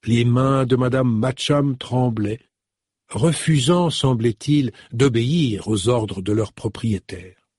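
A man narrating an audiobook chapter in an expressive, storytelling manner. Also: mid-range voice, slow, husky, dry recording, clean studio sound. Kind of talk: scripted narration.

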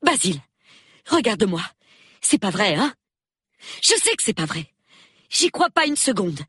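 A man reading an audiobook, voicing a shrill, frantic young woman who talks high and breathless. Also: very animated, unhurried, a bit bright, husky, no echo, studio quality, exaggerated voice. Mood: pleading. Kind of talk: audiobook character voice.

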